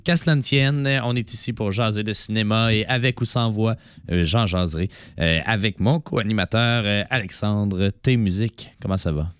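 A man with a Quebec French accent and a hoarse, raspy smoker's voice from laryngitis, co-hosting an informal, hesitant cinema chat. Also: fairly low pitch, moderate pace, no room sound, studio quality. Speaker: radio show co-host. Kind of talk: casual chat about cinema.

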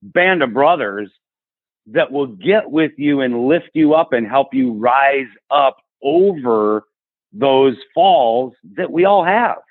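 A man's voice: medium pitch, expressive, takes it slowly, no room sound. A man speaking as a podcast guest in an encouraging, preacher-like way. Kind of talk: podcast conversation. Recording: tinny phone-line audio.

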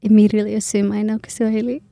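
A woman's voice: medium pitch, flat delivery, very fast, vocal fry, warm tone, no room sound. A woman in her twenties from Kenya, a graduate student talking in a casual interview, hesitant with many fillers and restarts.

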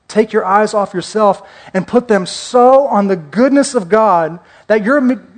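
A male pastor preaching a conversational sermon, joking and asking the congregation questions. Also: high voice.

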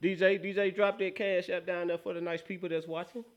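A man's voice: high voice, little pitch movement, brisk, lo-fi sound. A man hosting a casual sports talk show, using slangy hype talk as he runs through promos.

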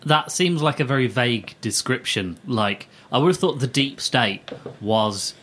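A man's voice: medium pitch, expressive, unhurried, fairly bright tone. A man co-hosting a podcast, making sarcastic jokes in casual chat. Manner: joking, sarcastic asides. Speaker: podcast co-host.

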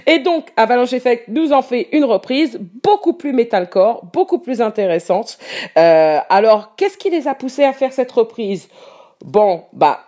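Speaking at a measured pace, this radio columnist has a fairly high, mellow, animated voice. She chats casually while presenting new German rock, stumbling through fillers and restarts and often breaking into laughter.

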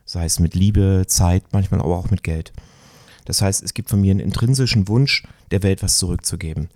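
A middle-aged man speaks in a reflective, searching way, often pausing on fillers as he thinks aloud. His voice sits a little low and sounds mellow. The recording is dry and close. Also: dry recording. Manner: thoughtful, searching, with many fillers. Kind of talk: reflective conversation.

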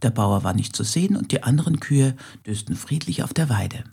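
A woman narrating a children's story in a soft, often half-whispered way. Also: rumbling low, lively intonation, a little fast, gravelly, breathy edge.

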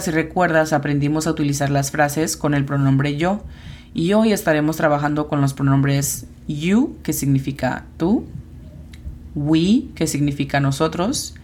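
A woman who hosts a podcast where she teaches English, giving slow and careful explanations and spelling out pronunciations. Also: low voice, darkish tone, a little hiss or hum. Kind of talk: podcast language lesson.

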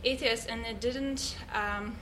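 A woman's voice: a little high, fairly even intonation, takes it slowly, a bit bright, slight background noise, low-quality recording. A woman, a guest on an interview show, earnestly reflecting on her life and now and then searching for words. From Switzerland. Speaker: guest, yoga teacher. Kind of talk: reflective personal storytelling.

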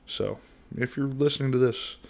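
This podcast host is a middle-aged man from the U.S. who rambles through a relaxed solo show, flat in tone and full of fillers and false starts. His pitch is medium, his speed normal, and his voice has a creaky quality.

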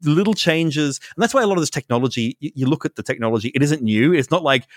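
A man explaining space science in a casual podcast chat, animated and jokey, often restarting his sentences. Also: on the high side, fast, no echo, studio quality. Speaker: space expert guest.

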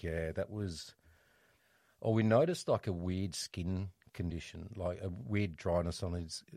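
A middle-aged man telling a personal story as an interview guest, reflective and halting, restarting his sentences often. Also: sits low, mellow, dry recording, studio quality.

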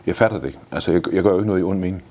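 A man's voice: low voice, mellow. A man in his fifties answering interview questions in a blunt, enthusiastic way, swearing freely. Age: 50s. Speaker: guest.

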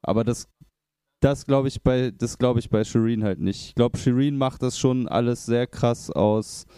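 A man's voice: on the low side, mellow, clear, resonant tone, dry recording, clean studio sound. A man chatting casually about a rap song, with loose slang and frequent restarts. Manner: hesitant, restarts, colloquial youth slang. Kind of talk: casual music review chat.

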